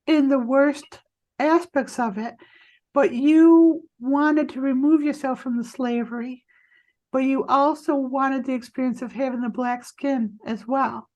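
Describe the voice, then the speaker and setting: High-voiced woman leading a healing session. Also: fairly even intonation, darkish tone. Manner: soothing, reassuring, halting restarts. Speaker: energy healer.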